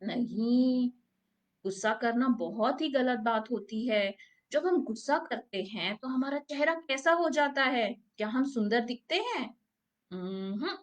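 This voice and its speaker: High-voiced woman telling kids a story. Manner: gentle, asks the children questions. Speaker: preschool teacher. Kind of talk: storytelling lesson for young children.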